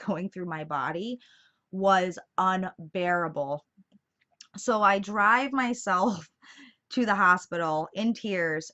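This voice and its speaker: A young woman vlogger casually telling a personal story in a chatty, animated way, full of fillers. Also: on the low side. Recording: dull lo-fi sound.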